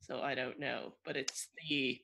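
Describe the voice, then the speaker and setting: A man's voice: mid-range voice, little pitch movement, a little slow, gravelly, bright, forceful tone. A man playing a tabletop game, casually describing what his character does.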